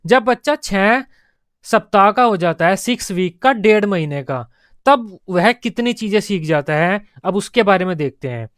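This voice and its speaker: A man's voice: sits high, lively intonation, unhurried, a bit bright, no echo, studio quality. A man giving an exam-prep lecture, explaining step by step and repeating the key points. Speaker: teacher.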